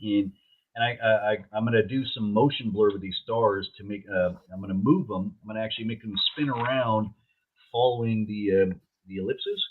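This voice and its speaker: A man chatting casually in a laid-back stoner way, halting and searching for words. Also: on the low side, fairly even intonation. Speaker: logo artist and co-host. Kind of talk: casual chat. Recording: dull, lo-fi, muffled sound.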